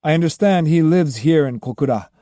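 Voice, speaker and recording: A man's voice: a little high, brisk, warm tone, dry recording, studio quality, voice pushed up, close to an everyday voice. A man voicing a hearty, courteous wandering monk in an audiobook. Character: wandering monk-warrior, friendly and direct. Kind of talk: audiobook character voice.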